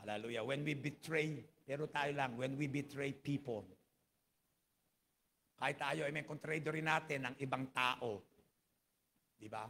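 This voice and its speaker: A man's voice: mid-range voice, measured pace, gravelly, pauses often, a bit bright. A man with a Filipino accent preaching a sermon as pastor, scattering hallelujah and amen through every phrase and mixing English into his Filipino. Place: church.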